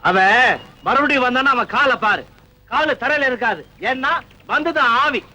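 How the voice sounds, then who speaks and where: A middle-aged doctor with a mocking, offhand manner and a bright, high voice. He makes light jokes about grave news in a film comedy scene. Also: normal speed, full character voice, poor audio. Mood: teasing. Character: joking, blunt male doctor who teases.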